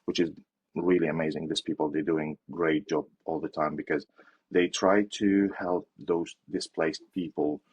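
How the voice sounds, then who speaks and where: A man's voice: very deep voice, steady tone, moderate pace, darkish tone, breathy edge, rough recording. A young man from Syria answering interview questions in a hesitant way, with fillers and restarts. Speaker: interview guest.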